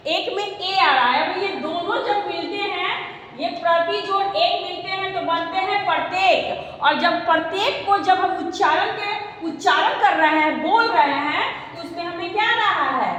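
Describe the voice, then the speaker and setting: A woman's voice: very high voice, fairly bright tone, a little hiss or hum. A woman teacher with a Bihari Hindi accent giving an online grammar lesson, repeating points and quizzing her students. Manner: slow, repetitive, quizzing students. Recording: echoey room with long reverb.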